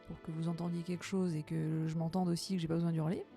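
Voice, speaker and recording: A woman chatting casually with her live-stream audience while gaming, playful and quick to laugh, her voice a little tired. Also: low voice, flat delivery, mellow, soft background music.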